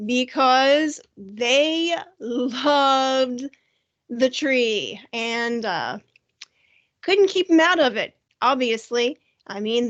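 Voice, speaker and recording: Upbeat woman art teacher, high bright voice, asks students questions, online class. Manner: upbeat, talks directly to young students with questions. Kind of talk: recorded online art lesson. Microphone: computer mic, screen-shared lesson.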